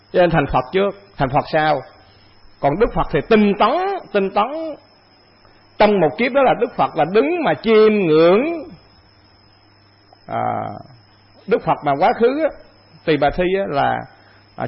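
A Buddhist monk teaches an assembly in a high, gravelly voice, posing rhetorical questions and answering them himself. The sound is husky and comes through a dull, lo-fi recording. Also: male voice. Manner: conversational, rhetorical questions, repeats phrases. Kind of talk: dharma talk to monastic assembly.

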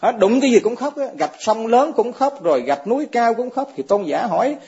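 A man's voice: extremely high pitch, lively intonation, fairly quick, darkish tone, breathy edge. A man giving a dharma talk to fellow monks, asking his listeners questions and chuckling often. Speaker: Buddhist monk teaching fellow monks. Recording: dull lo-fi recording.

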